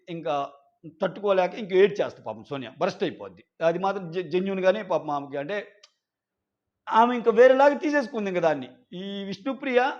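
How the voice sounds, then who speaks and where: High-voiced man recapping a show. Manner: retells scenes, quoting contestants in quick acted snippets. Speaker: show reviewer. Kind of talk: casual episode recap. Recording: dull lo-fi audio.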